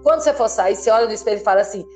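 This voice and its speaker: A woman's voice: mid-range voice, rapid-fire. A woman from Brazil, a therapist, explaining emphatically in an interview and checking that her listener follows. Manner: animated, emphatic, asks listener "entendeu?" often. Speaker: therapist guest. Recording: faint background music.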